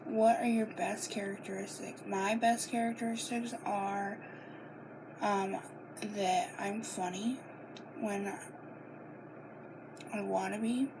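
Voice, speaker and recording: Young woman, casual sit-down Q and A, slow and halting delivery, audible background noise. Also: medium pitch, fairly even intonation. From Maine, United States. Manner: halting, many fillers and restarts, reading questions aloud. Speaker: vlogger answering questions. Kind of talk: casual Q and A monologue. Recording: noisy home recording.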